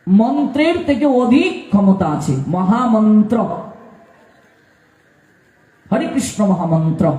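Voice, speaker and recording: High-voiced preacher. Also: male voice, warm tone. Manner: rhetorical questions, exhorting listeners. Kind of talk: devotional sermon. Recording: echoey room, mic at a distance.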